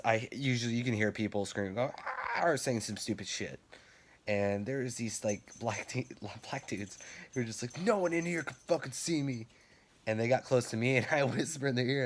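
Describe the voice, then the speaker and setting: A young man with a fairly low voice tells stories casually. He rambles and swears freely, and he laughs now and then. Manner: rambling, profane, laughs while telling. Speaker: vlogger. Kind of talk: casual storytelling.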